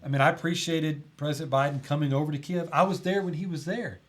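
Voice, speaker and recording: Man, middle-aged, fairly high voice, earnest podcast guest who pushes his points and restarts often. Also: steady tone, fast talker. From Tennessee. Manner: earnest, emphatic, stumbles and restarts. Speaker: podcast guest, volunteer chaplain. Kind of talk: conversational podcast talk.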